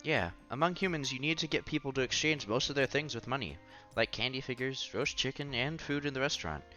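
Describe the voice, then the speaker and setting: This man reads a visual novel aloud in a relaxed playthrough, handling narration and dialogue, occasionally stumbling and tossing in side remarks while music plays behind him. His medium-pitched voice is expressive, brisk, bright and forceful.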